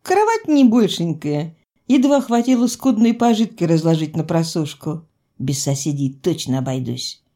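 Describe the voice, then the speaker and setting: Expressive woman narrating an audiobook. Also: lowish voice, moderate pace. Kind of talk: first-person audiobook narration.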